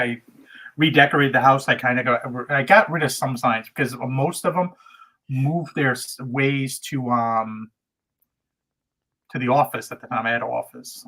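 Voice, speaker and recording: On a low-quality recording, a man from the United States appears as a guest on a casual livestream. His mid-range voice has a fairly bright tone, and he explains things meanderingly, restarting often and hedging as he goes.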